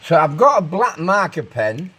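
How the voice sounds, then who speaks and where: A man's voice: a little high, sing-song, normal speed, a bit bright, husky. A man giving an informal hands-on workshop tutorial, explaining each step and thinking aloud as he works. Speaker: car restoration demonstrator.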